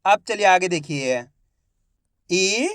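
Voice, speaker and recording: Male teacher, high voice, dry close voice-over; sounds out each word syllable by syllable and quizzes the viewer. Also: moderate pace, a bit bright, no room sound. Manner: spells out words syllable by syllable, repeating each word; addresses viewers as friends, asks quiz questions. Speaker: Hindi reading teacher. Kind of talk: step-by-step literacy lesson.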